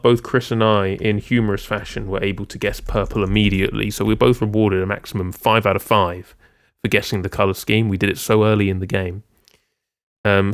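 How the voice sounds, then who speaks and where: Guy rambling on a music podcast, kinda low, smooth voice, ums everywhere. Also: dry recording, clean studio sound. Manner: rambling, many ums and restarts. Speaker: podcast co-host. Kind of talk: casual music discussion.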